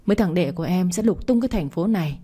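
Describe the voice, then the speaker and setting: Woman reading eager young henchman, deferential, low mellow tone. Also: animated, quick pace, breathy edge.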